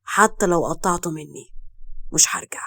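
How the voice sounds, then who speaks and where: A woman's voice: fairly low pitch, normal speed, sharp tone, pitched below the performer's own voice. A woman playing a defiant reformed smuggler. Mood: firm defiant. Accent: Egyptian. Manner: defiant and firm.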